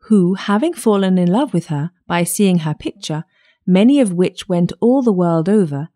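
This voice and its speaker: A woman narrating a fairytale audiobook in a measured storytelling manner. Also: fairly low pitch, animated, dark tone.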